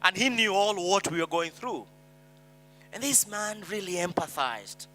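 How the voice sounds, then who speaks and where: Kenyan man, high bright voice, earnest story speech, hall reverb and hum. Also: lively intonation, measured pace. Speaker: speaker.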